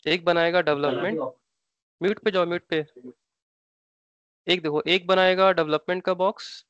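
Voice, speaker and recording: A man's voice: sits high, steady tone, normal speed, fairly bright tone, clean tone, no room sound, dull audio. Indian man teaching an online class. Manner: explanatory, repeats terms, asks rhetorical questions. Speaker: SAP training instructor. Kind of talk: live online class lecture.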